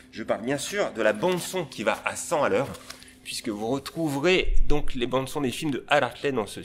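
A man presenting a favourite film director in a library video, enthusiastic and pausing often on fillers. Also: mid-range voice, a bit bright, a little hiss or hum. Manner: enthusiastic, hesitant with many fillers. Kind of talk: casual film recommendation. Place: library, indoors.

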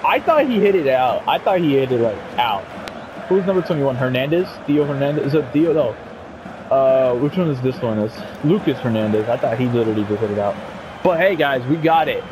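A young man giving casual, chatty commentary over his football video game, bursting into excited shouts at goals. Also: medium pitch, a little fast, background noise. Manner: excitable, shouts goal celebrations, chatty slang. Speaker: gaming YouTuber.

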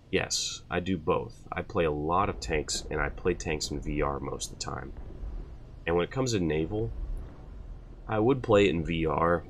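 A man's voice: deep voice, a bit bright, a little hiss or hum. A young man hosting his channel, answering viewer questions in a loose, rambling way with lots of fillers. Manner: rambling, many fillers, laughs at himself. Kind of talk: casual Q&A chat.

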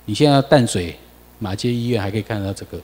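A man with a Taiwanese accent giving a lecture over slides, animated and full of rhetorical questions to the audience. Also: lowish voice, fast talker, big-room sound.

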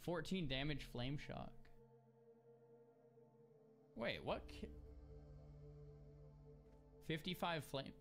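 In live gameplay commentary from a small room, a young man on a headset mic draws out his words and pauses often, his voice on the high side. Faint music plays behind him as he goes from puzzled to thrilled, excitably exclaiming.

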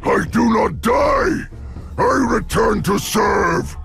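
A devoted orc servant from a fantasy game. He is pompous and formal, his heavily creaking voice swooping in pitch over music. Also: expressive, slow pace, a bit bright, shouting, exaggerated voice. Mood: proud devotion. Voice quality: gravelly.

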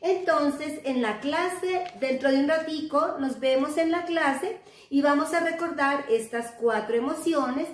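A woman's voice: sits high, unhurried. A Colombian woman teaching kindergarten children in a recorded remote class, sing-song and coaxing, often checking with the kids. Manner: sing-song, coaxing, asks "¿cierto?" a lot. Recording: echoey room.

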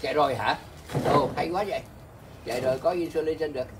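A man's voice: a little high, fast talker. A man, chatting casually in a fussing, urging way. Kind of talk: casual chat. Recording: noisy background.

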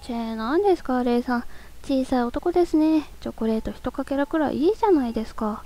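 Woman doing a cheeky young girl assistant, polite but mocking, high voice, mellow tone. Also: quick pace. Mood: teasing.

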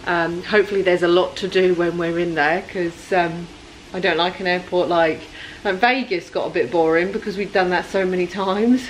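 A woman's voice: fairly low pitch, steady tone, moderate pace, hardly any pauses, low-quality recording. A young woman chatting through a casual travel vlog on a handheld phone, full of ums as she goes, in a hotel buffet and then an airport terminal. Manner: chatty, hesitant with frequent ums. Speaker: travel vlogger. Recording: clear background noise.

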